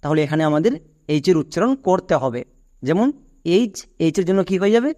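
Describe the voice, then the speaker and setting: A man's voice: sits high, animated, mellow. A man teaching English pronunciation, spelling words letter by letter and asking and answering his own questions. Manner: spells words letter by letter, then says them slowly. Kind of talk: step-by-step spelling lesson.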